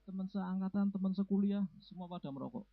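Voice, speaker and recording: Young guy doing standup, gravelly voice, keeps correcting himself, dry tinny phone-ish audio. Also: sits high, quick pace, dry recording. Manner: rambling, self-correcting storyteller. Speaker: stand-up comedian. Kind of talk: stand-up joke telling.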